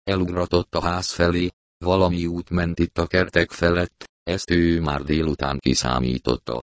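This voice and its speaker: A man with a very deep voice reads a novel aloud in an even, measured way. The sound is close and dry. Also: no echo. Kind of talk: audiobook narration.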